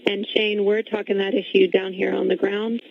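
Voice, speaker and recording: Woman, mission control radio, vocal fry, dry phone-like band, measured procedural phrasing. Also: medium pitch, flat delivery. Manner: measured, polite confirmations. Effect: radio link.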